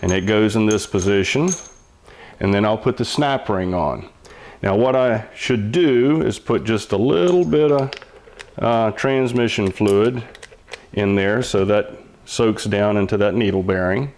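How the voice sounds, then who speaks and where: Speaking a little slowly in a low, darkish voice, an older man teaches mechanical work one step at a time. He comes across as a patient, folksy old machinist who keeps things plain.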